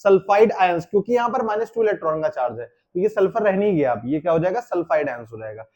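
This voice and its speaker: A man's voice: sits high, big pitch swings, fast talker, a little mellow. A man teaching a chemistry class, explaining step by step and asking and answering his own questions. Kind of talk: classroom lecture.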